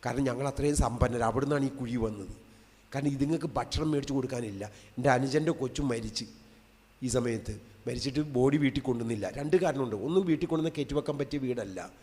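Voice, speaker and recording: A man in his fifties, a lay preacher giving an emotional testimony sermon, swinging between loud emphatic cries and soft hushed asides. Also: medium pitch, fast. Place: large convention hall. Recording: long hall reverb.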